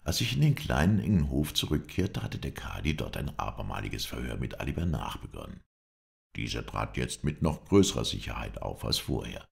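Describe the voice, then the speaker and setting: A man reading a classic adventure novel aloud as an audiobook narrator, in a measured storytelling manner that lifts his voice for the dialogue. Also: very deep voice, very animated, creaky.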